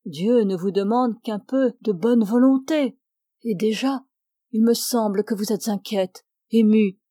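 A woman reading the part of an earnest, devout young man who declares his love solemnly and pleads with fervour, in a slow, mellow voice. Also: on the high side, no room sound, clean studio sound. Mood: fervent.

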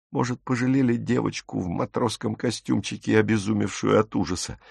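A man narrating an audiobook in a dramatic, expressive reading. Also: on the low side, gravelly, no echo, studio quality.

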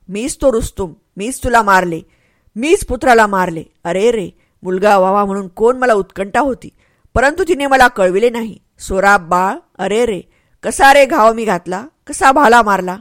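A woman's voice: mid-range voice, normal speed, no echo, natural voice. A woman voicing a mighty older male warrior and father, taunting and mocking in his speech. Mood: grieving.

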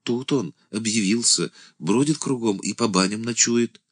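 A man voicing an anxious young village woman speaking in a hushed, hurried way. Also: on the low side, voice pushed up, close to an everyday voice. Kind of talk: audiobook character voice.

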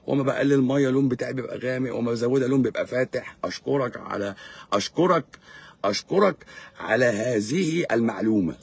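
A man's voice: mid-range voice, vocal fry, a little mellow, husky. A man with an Egyptian accent, a doctor hosting a live stream, lecturing in a sarcastic, mocking way. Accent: Egyptian Arabic. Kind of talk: casual live-stream monologue.

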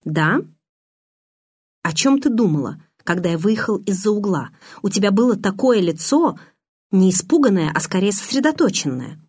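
A woman's voice: mid-range voice, big pitch swings, moderate pace, darkish tone, breathy edge. Brooding young man, as a woman reads him. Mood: restrained.

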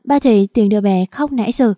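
A woman's voice: medium pitch, quick pace, mellow, dry recording, clean studio sound, lightly acted. A woman voicing a worried older man asking what has happened, in an audiobook reading. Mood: concerned.

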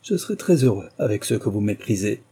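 A man reading an audiobook and voicing a sneering male squire who speaks sharp and defiant. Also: fairly low pitch, very animated, a little fast, slightly rough, exaggerated voice. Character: arrogant angry young male squire, sneering.

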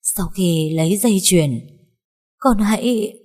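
A woman voicing a dying older mother who speaks her last words in a faint, halting whisper. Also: medium pitch, a little mellow. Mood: fading. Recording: long reverb.

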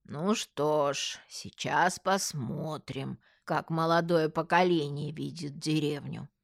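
A woman's voice: deep voice, fairly even intonation, takes it slowly, creaky, no room sound, clean studio sound, voice pushed down, heavily acted. Woman voicing a preachy old editor. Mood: musing. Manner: lecturing, emphatic, rhetorical questions. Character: elderly male magazine editor, preachy and stubborn.

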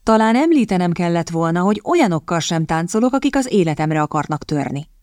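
A woman voicing a mocking aristocratic gentleman with a dry, sardonic manner, in a low voice. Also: sing-song, no echo.

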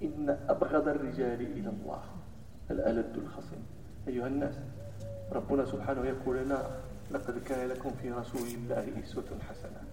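A man with a Moroccan accent preaching a Friday sermon, moving between hushed solemn recitation and loud animated scolding. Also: medium pitch, fast, slight background noise. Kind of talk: Friday sermon in Moroccan Arabic mixed with classical Arabic. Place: mosque hall. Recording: echoey hall from far off, dull lo-fi sound.

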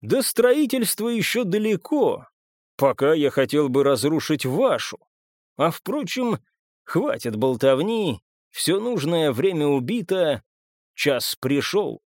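A man's voice: fairly high pitch, very animated, darkish tone, no echo, studio quality, voice pushed up, exaggerated voice. A man reading an audiobook and voicing a young male vampire, cold and vengeful, who speaks smugly and mockingly. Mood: dismissive. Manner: smug and mocking, with a measured, deliberate delivery.

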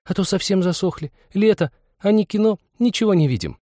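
A man's voice: high voice, expressive, brisk, warm tone, no room sound, studio quality, pitched above the performer's own voice. A man voicing a sulky young village girl. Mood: plaintive. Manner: plaintive, sulky.

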